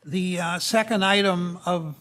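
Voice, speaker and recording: A woman's voice: on the low side, measured pace, a bit bright. A woman chairing a formal public commission meeting, moving through the procedure.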